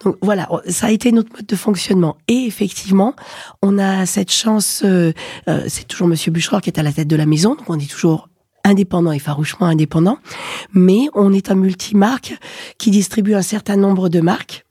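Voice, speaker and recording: A woman in her forties, an executive in luxury watch retail, answering interview questions in a measured way, with hesitations, self-corrections and a voice that sometimes cracks. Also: medium pitch, steady tone, dark tone, slightly rough, dry recording, studio quality. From Ukrainian roots. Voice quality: voice occasionally cracking.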